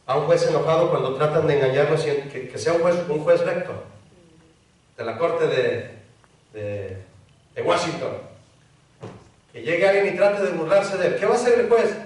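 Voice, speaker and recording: A pastor preaching a sermon, acting out the voices of a pleading child and a parent. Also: male voice, on the high side, animated, normal speed, pauses often. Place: church hall. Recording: very echoey hall, mic far off.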